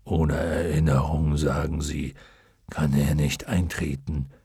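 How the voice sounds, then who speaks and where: A man voicing a huge, wise and gentle male luck dragon in an audiobook, murmuring slowly and solemnly. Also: little pitch movement, vocal fry, slightly rough, dry recording, studio quality, full character voice. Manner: deep hushed murmur, slow and solemn. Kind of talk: audiobook character voice.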